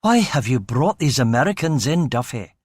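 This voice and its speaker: A man's voice: medium pitch, sing-song, moderate pace, slightly rough, dry recording, studio quality. A man voicing an exasperated, blustering senior police chief.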